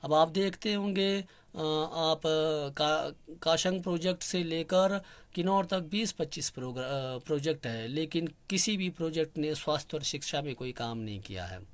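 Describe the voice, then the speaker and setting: Young guy, soft quiet voice, a bit high, lots of "uh" pauses, earnest complaining tone. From Kinnaur, Himachal Pradesh, India. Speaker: local activist speaking on a channel. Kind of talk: spoken public appeal.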